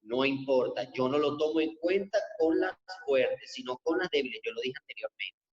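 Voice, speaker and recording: A man teaching a class, explaining step by step to his students in a classroom. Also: mid-range voice. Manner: slow, deliberate explaining, addressing students. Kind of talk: recorded classroom lesson. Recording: echoey lo-fi room sound with long reverb.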